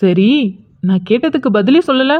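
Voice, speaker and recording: A playful young college senior in a cartoon teases and needles with a grin. A woman puts him on. The voice sits fairly high with a dull, lo-fi sound. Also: expressive, moderate pace, natural voice. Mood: teasing. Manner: playful, teasing.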